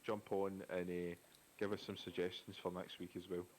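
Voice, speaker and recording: Male co-host, low voice, loose banter, easily amused. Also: normal speed, a little hiss or hum. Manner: excitable, jokey banter. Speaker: co-host of a live drawing stream. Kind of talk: casual chat.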